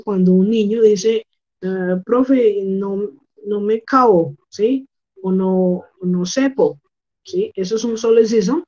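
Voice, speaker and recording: A woman teaching English online in Spanish, explaining slowly and repeating words for pronunciation, with a Colombian accent. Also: medium pitch, mellow, highs cut off. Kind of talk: online class lesson.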